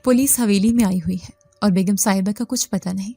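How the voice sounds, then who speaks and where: A woman's voice: mid-range voice, warm tone, breathy edge, no room sound, faint music behind. A woman voicing a worried middle-aged husband who scolds and fires off urgent questions in a storybook reading.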